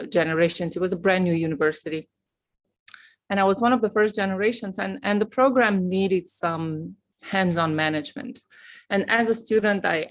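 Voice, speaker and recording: A middle-aged woman from Romania, a professor, telling her story as a guest in an outgoing, boisterous way. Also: fairly low pitch. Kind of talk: casual interview chat.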